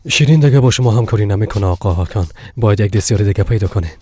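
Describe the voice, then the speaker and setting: Dub role: a conciliatory businessman, low husky voice. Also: darkish tone. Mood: placating.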